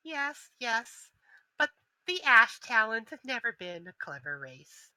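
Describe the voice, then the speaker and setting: Sly taunting orc mage, condescending and drawn-out, put on by a woman, bright clear tone. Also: a little high, sing-song, no echo, pitched above the performer's own voice, full character voice, rough recording. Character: sly mocking orc mage servant of a dark master.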